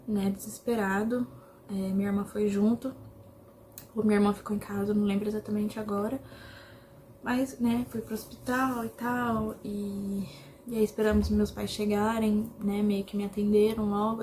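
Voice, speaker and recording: Soft-toned young woman recounting emotionally. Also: mid-range voice, level tone, a little hiss or hum. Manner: emotional, halting retelling with many repetitions. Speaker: vlogger. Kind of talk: personal storytelling vlog.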